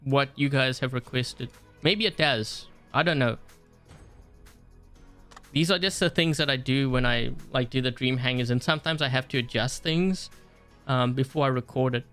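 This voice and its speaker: A South African game streamer commentates his own game live, chatting and thinking aloud with plenty of fillers. His voice sits in the mid-range, smooth and a bit bright.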